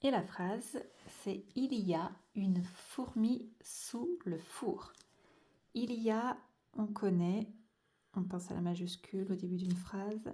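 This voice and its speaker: A woman leads a dictation lesson for small children. She speaks very slowly and draws out every sound and syllable. Her voice is soft and mellow. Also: medium pitch. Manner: slow, careful, drawn-out sounds and syllables. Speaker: teacher.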